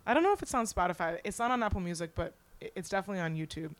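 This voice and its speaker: A woman's voice: medium pitch, animated, rapid-fire. A young woman in casual conversation, speaking in a candid, rambling, self-deprecating way. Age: young adult. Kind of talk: casual chat.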